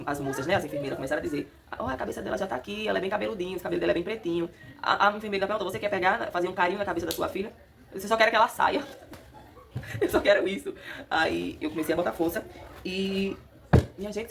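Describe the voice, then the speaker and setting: A woman's voice: fairly low pitch, vocal fry. A young woman chatting casually to her viewers, emotional and laughing as she tells her story at home. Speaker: vlogger. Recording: noisy home recording.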